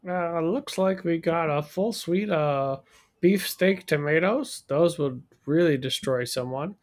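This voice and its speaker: A man's voice: a little high, takes it slowly. A man playing an eager, bloodthirsty sandwich-shop soldier, earnest and gung-ho in an improvised comedy sketch.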